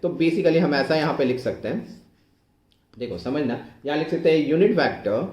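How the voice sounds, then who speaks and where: A male physics teacher with a fairly high, darkish voice delivers an online exam-prep lecture from an echoey room. He explains slowly and repeats himself, keeps asking whether it's clear, and dictates English phrases word by word as he writes them.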